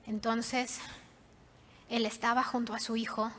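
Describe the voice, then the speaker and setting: A woman pastor preaching a sermon, telling the story dramatically and often dropping to soft, hushed tones. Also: a little high, little pitch movement, a little slow. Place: church hall. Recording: reverberant church hall.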